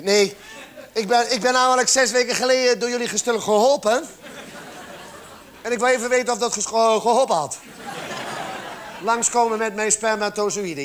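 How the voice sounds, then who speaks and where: A man performing a stand-up cabaret monologue on a theatre stage, acting out characters with sudden exaggerated shouts. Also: very high voice. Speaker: comedian. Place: theatre stage with live audience. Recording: live theatre recording, audience laughter, background noise.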